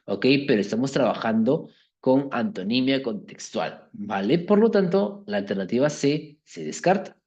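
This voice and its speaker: A man's voice: medium pitch, animated, normal speed, few pauses, mellow, highs cut off. A man teaching a class, explaining an exercise step by step and often checking that students follow. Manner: keeps checking understanding with tag questions.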